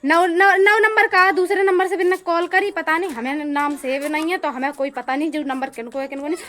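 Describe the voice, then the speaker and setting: A woman's voice: very high voice, a little fast, slight background noise. A woman, chatting casually to her viewers in a home vlog filmed on a phone. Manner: chatty, addresses viewers as friends; loud and lively, breaking into laughter. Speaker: vlogger. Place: home, indoors and outdoors. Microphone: phone camera.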